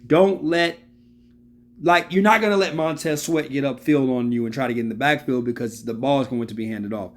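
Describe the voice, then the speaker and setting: A man in his early thirties hosts a sports video, giving casual, slangy football analysis in a medium-pitched voice at a fairly quick pace. He's animated, repeating phrases to emphasize his points and calling out to viewers.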